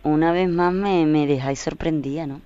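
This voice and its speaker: A man's voice: a little high, fairly even intonation, moderate pace, mellow, natural voice. A man voicing an affectionate female fortune-teller therapist on a talk radio show, calling callers fond pet names. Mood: sympathetic. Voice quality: smooth, fond terms of endearment. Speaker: co-host. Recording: slightly dull lo-fi sound.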